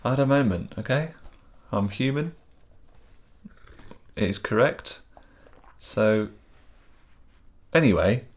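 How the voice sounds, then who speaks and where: A man's voice: mid-range voice, lively intonation, takes it slowly, pauses often. A man co-hosting a podcast in casual chat, joking and laughing easily at himself. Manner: chatty, laughs easily, self-deprecating. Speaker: podcast co-host.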